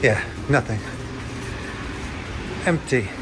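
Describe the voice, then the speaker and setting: A man's voice: medium pitch, animated, extremely slow, over loud music, rough recording. A man co-hosting a cruise vlog. He gives wry, understated commentary on board a ship. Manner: wry, understated, dry humor.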